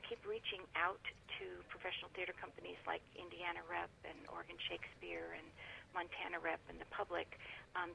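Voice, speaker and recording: Gravelly-voiced woman speaking over phone. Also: fairly low pitch, fairly bright tone, a little hiss or hum, rough recording. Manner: measured, many fillers. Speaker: theater company guest. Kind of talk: interview answers.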